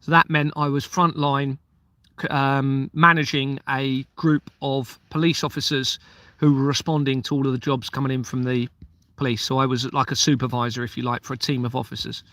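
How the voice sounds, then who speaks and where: In a dry recording, a Kent-born former police officer hosts a relaxed livestream, reading comments from viewers and rambling earnestly, occasionally losing his thread. His mid-range voice is a bit bright, with flat delivery at normal speed.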